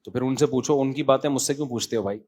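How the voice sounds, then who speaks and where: A man's voice: mid-range voice, a little mellow. A middle-aged man with a Pakistani Urdu accent answers written questions from his congregation. He sounds tired but keeps a lecturing, conversational sermon manner and often calls his listeners brother. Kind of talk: sermon Q&A, reading questions aloud.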